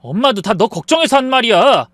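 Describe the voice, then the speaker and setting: A woman voicing a weak-willed young husband who pleads and tries to calm things down. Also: fairly high pitch, a little fast, no echo. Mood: placating. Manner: pleading, exasperated.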